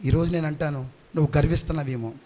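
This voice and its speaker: A man's voice: fairly high pitch, fairly even intonation, quick pace, darkish tone. A man with an Andhra Pradesh Telugu accent preaching a sermon in church, fervent and repetitive, urging the congregation on.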